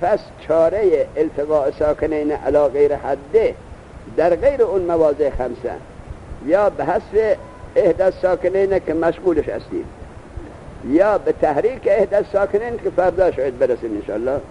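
A man's voice: a little high, animated, highs cut off, slight background noise. A man teaching a grammar lesson, explaining step by step and asking his students questions.

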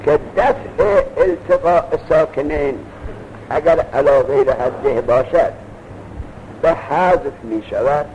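A man's voice: fairly high pitch, darkish tone. A man teaching a classroom lesson, lecturing with rhetorical questions and reading texts aloud. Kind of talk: classroom lecture on Arabic grammar. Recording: dull lo-fi recording with faint noise.

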